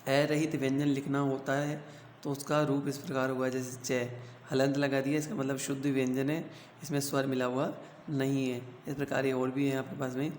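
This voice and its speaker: A man's voice: mid-range voice, little pitch movement. Man teaching in an echoey room. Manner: explains slowly, asks the class questions and answers them himself. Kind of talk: grammar lesson for schoolchildren. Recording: echoey room with faint hum.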